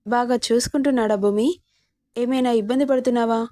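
A woman voicing a friendly male cousin who talks business briskly and persuasively in a storybook. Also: on the high side, steady tone, warm tone, no room sound, studio quality, natural voice.

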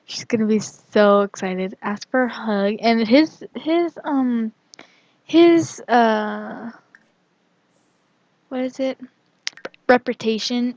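A woman narrating her gameplay in a casual, giggly and excitable way. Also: fairly high pitch, no room sound, highs cut off. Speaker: gaming vlogger.

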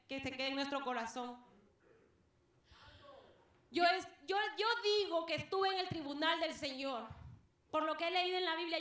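A woman's voice: high voice, fairly bright tone. A woman from Guatemala giving an emotional church testimony, fervently addressing the congregation as beloved brethren. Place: church hall. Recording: very echoey church hall.

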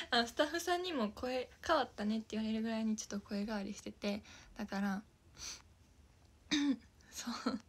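A woman's voice: on the high side, normal speed, long pauses, fairly bright tone, husky. A young woman with a Kansai accent chatting casually on a livestream, giggling often, dropping into whispers and thanking viewers by name. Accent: Kansai Japanese. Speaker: idol livestreamer.

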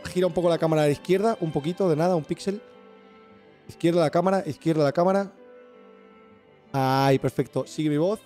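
A man's voice: a little high, mellow. Spanish man patiently coaching a teammate. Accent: Spain Spanish. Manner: patient, repetitive step-by-step directions. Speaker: gaming streamer guiding a teammate. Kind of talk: casual gameplay coaching.

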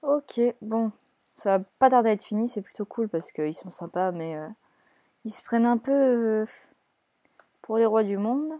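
Her voice sits fairly high, with lively intonation, warm tone and normal speed, captured in a dry recording. This young woman runs a let's play, casually commenting on the game, poking fun at her characters and hesitating a lot.

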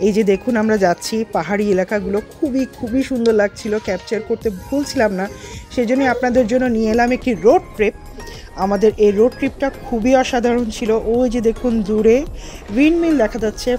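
A travel vlogger in her thirties with a Bengali accent chats to viewers from a moving car, narrating her road trip casually and addressing them directly. Her voice is on the high side and mellow.

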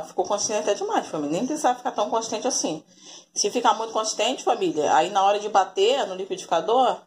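A woman's voice: medium pitch, a little mellow, a little hiss or hum. Chatty woman vlogging a recipe at home. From Brazil. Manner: chatty, keeps calling her viewers "family". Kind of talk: casual cooking vlog narration. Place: home kitchen, then outdoors in a yard. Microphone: phone camera held at arm's length.

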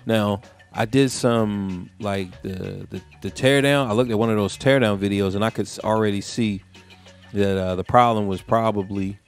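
A man's voice: lowish voice, fairly even intonation, normal speed, faint music behind. A man reviewing a gaming headset in a casual vlog, telling a rambling, slangy story with lots of fillers. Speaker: tech product reviewer.

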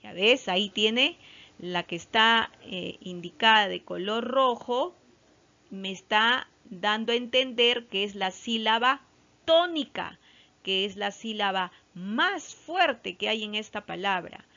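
A woman with a Peruvian Spanish accent teaches young children in a slow, patient lesson. She often pauses to check in with "¿ya?", and her pitch sits in the middle range. The audio is slightly dull. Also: expressive, bright, forceful tone. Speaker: primary school teacher. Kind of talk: recorded online lesson for children.

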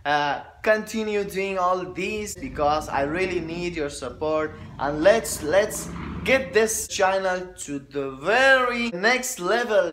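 A man's voice: sits high, a bit bright, a little hiss or hum. Upbeat young man vlogging at arm's length. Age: young adult. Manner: upbeat and grateful, talking straight to camera. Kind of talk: casual vlog talk to camera. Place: living room indoors. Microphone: phone at arm's length.

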